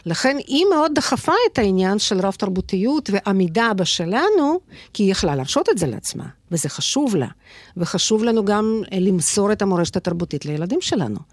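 A woman's voice: medium pitch, sing-song, no room sound. A woman professor who is a native Russian speaker, explaining her field as an interview guest in Hebrew with a Russian accent, often adding short check questions. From former Soviet Union. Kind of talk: academic interview answers.

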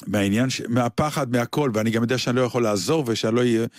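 A man's voice: mid-range voice, dry recording, clean studio sound. A man co-hosting a casual radio chat, bantering and acting out comic sketches. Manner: lively banter, acts out sketches. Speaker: radio co-host.

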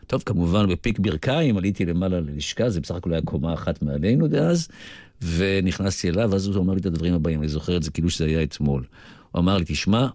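An older man with an Israeli accent, telling his recollections deliberately, with asides, as a guest in a radio interview. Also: deep voice, animated, a little mellow, no room sound, clean studio sound. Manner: deliberate storyteller who digresses into asides. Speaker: interview guest, retired military intelligence officer.

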